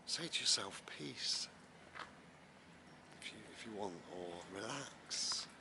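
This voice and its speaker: Male, fairly deep, unhurried and repetitive, casual walking meditation, noisy open-air sound. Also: expressive. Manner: unhurried, musing, repeating phrases. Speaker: vlogger guiding mindfulness and breathing. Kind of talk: casual spoken meditation while walking outdoors. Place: outdoors, walking in the countryside. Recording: noisy outdoor walking recording.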